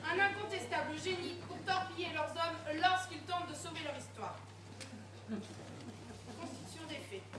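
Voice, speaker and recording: A woman acting a court clerk who formally reads out the charges, in an amateur stage comedy. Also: very high-pitched. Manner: formal, reading out charges briskly. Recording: echoey hall, distant mic, noisy.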